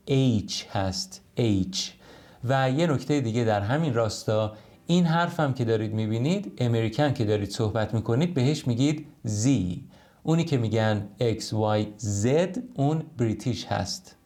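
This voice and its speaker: A man's voice: mid-range voice, mellow. A man teaching English in an explanatory lesson, modeling English words and sounds as he explains.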